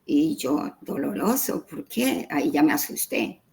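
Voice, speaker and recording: A woman's voice: low voice, sing-song, a little slow, vocal fry, a little mellow, low-quality recording. A middle-aged woman telling her personal story in an interview, acting out the dialogue in quoted voices and repeating words as she goes. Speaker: interview guest.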